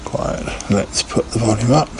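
A man's voice: medium pitch, measured pace. Guy rambling on his live podcast, chatty, laughs a lot, a bit of faint noise behind. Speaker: podcast host. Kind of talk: casual live podcast chat.

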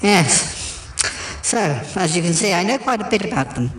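A man's voice: high-pitched, expressive, normal speed, fairly bright tone, a little hiss or hum, voice pushed up. A pompous theatrical grande dame, put on by a man, gushing and grand with a fondness for "darling." She dispenses advice with lofty confidence. The sound is roomy and echoey. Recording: roomy echo.

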